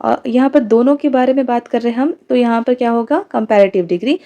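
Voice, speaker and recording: A woman teacher with an Indian English accent giving a grammar lesson, reading English examples slowly and asking her class rhetorical questions. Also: on the high side, warm tone. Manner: repeats key terms, punctuated by "theek hai". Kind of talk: exam-prep grammar lesson.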